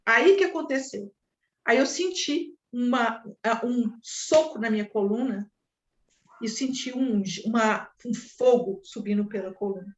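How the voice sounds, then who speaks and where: High-pitched woman telling her story, lots of repeats and little sound effects, echoey muffled room. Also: measured pace. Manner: animated, repetitive, sound effects. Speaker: spiritual speaker. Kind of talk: personal storytelling talk.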